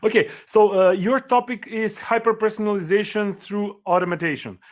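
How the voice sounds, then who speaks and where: High-voiced man moderating, halting. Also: steady tone. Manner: halting, many fillers. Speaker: conference moderator. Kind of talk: introducing a speaker, casual chat. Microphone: video call.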